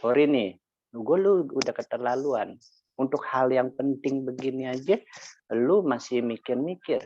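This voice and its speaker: At a motivational sharing session, an insurance agent recounts his experience in a warm, mid-range voice at a measured pace, using casual slang and acting out both sides of a dialogue. High frequencies are cut off in the recording.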